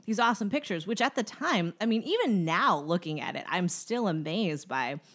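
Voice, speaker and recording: Casual young woman co-host, slightly low-pitched, chatty and filler-heavy. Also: very animated, normal speed, fairly bright tone. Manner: chatty, many fillers, laughs easily. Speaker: podcast co-host. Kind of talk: casual chat.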